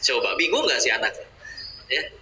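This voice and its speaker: A man's voice: mid-range voice, moderate pace. A male preacher giving a humorous sermon, acting out voices as he talks. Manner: lively, acts out quoted voices, uses Sundanese words. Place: mosque hall. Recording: echoey mosque hall, faint noise.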